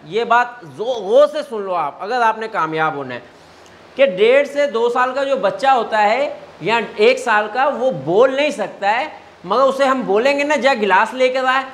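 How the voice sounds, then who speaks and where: A man teaching a video language lesson. He drills sounds slowly, keeps quizzing the viewer and urges steady practice. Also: very high voice. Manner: encouraging, urging constant practice.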